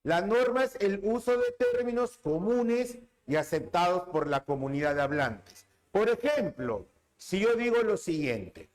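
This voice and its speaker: A man with a fairly high voice teaches a classroom language lesson. He talks slowly and swings his pitch widely. He repeats key terms with drawn-out stress and keeps asking the class if they follow. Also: big pitch swings. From Peru. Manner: repeats key terms, asks rhetorical checks. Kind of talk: classroom lecture on linguistics.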